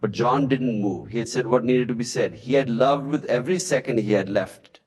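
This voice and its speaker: A man's voice: medium pitch, normal speed, darkish tone. Solemn male story narrator. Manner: solemn, dramatic. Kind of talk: scripted emotional story narration. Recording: long hall reverb.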